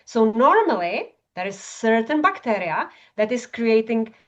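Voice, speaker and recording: A woman's voice: a little high, very animated, a little slow. A woman from Czechoslovakia, a functional medicine practitioner, explaining passionately in an interview, often ending points with tag questions. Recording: dull lo-fi audio.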